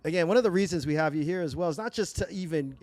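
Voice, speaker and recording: A man's voice: a little high, rapid-fire, darkish tone, dry recording. A man hosting a casual livestream interview as a DJ, hyped and full of praise. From United States. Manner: hyped, repeats praise like "very dope". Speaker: livestream DJ host.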